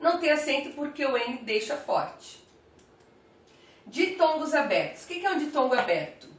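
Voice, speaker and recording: A woman's voice: high-pitched, very animated. A woman teacher giving a grammar lesson, carefully saying one example word after another. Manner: slow, careful, spells out each example word. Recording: roomy, from some distance off the mic.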